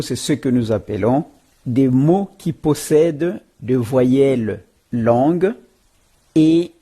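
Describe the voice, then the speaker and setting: Slow, husky man teaching word pairs. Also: mid-range voice, mellow. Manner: slow, deliberate, repeats each word then its meaning. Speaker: language teacher. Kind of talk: spoken vocabulary lesson.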